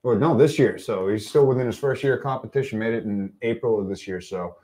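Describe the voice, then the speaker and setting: A man's voice: fairly low pitch, fast talker, warm tone. Man running down fighter stats. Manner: plain commentator-style rundown of fighters. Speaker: podcast co-host. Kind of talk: casual fight-promotion podcast chat.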